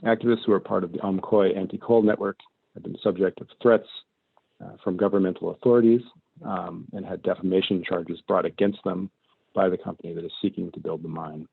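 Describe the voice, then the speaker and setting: A man moderating an online panel discussion over a video call, measured and halting with many ums and uhs. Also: sits low, fairly even intonation, vocal fry, slightly rough, no room sound. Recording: phone-like dry video call audio.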